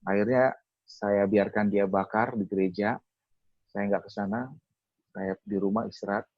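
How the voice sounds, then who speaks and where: A man's voice: lowish voice, fairly even intonation, normal speed, no room sound, lo-fi sound. A man telling a personal testimony at a webinar, acting out his own past words as he speaks. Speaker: speaker at a theology school webinar.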